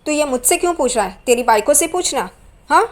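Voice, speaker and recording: A woman voicing an angry, sharp-tongued middle-aged aunt who scolds loudly in a shrill voice. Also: animated, fast talker. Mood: scolding.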